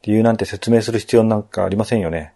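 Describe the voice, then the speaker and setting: A man calmly narrating a game walkthrough in polite speech, adding his own asides. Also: lowish voice, quick pace, creaky.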